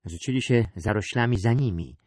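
Low-voiced male audiobook narrator. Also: normal speed, darkish tone, no room sound, clean studio sound. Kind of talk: scripted narration.

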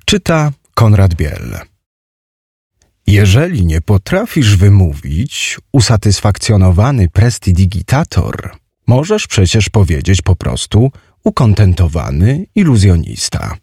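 A man narrates an audiobook in a low, husky voice with a playful storytelling manner. He moves through the text very slowly, and his melody swings wide. The recording is dry and close. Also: big pitch swings, darkish tone, dry recording. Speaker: audiobook reader. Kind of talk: scripted narration.

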